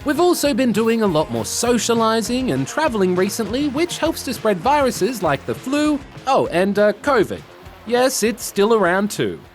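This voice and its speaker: An Australian man narrates kids' news in a high, hugely varied voice. He explains things playfully over a light music bed. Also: sing-song, moderate pace. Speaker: news presenter for children. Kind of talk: scripted educational news narration.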